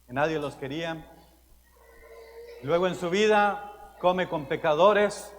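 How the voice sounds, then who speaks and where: A male priest delivering a homily in a large church, his slightly high voice carried by long reverb. He preaches earnestly and leans hard on key words as he tells a story. Faint room noise sits under him. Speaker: pastor. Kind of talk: Sunday homily.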